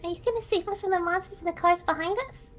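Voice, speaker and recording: 音调极高、语速很快的小女孩. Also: female voice, extremely high pitch, steady tone, fast, fairly bright tone. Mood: awestruck. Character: eager, wide-eyed little girl passenger. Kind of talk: dramatic live read of game dialogue. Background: faint music.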